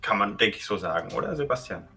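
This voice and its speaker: A man's voice: lowish voice, lively intonation, quick pace, bright, forceful tone, soft background music. A man in his thirties from Germany, co-hosting a casual podcast and often restating himself as he rambles. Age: 30s. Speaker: podcast co-host.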